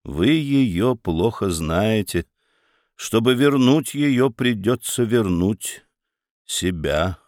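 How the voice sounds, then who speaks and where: A man reading as an aging baron who speaks quietly and steadily, with a melancholy edge. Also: lowish voice, animated, extremely slow, dry recording, studio quality, exaggerated voice. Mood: quiet, sad. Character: aging male baron, calm, stubborn, wistful.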